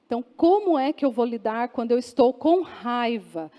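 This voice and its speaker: A woman with a bright, high voice teaches a church congregation in a loose, chatty way. She keeps checking in with the listeners as she talks. Her voice carries a long reverb from the church hall. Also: animated, normal speed. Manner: chatty, questions the audience often. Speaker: church speaker.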